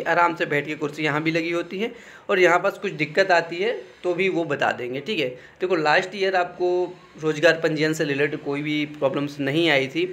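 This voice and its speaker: A young exam guidance YouTuber talks to students in a fairly high, slightly bright voice. He explains conversationally, repeatedly checking in with "okay" along the way.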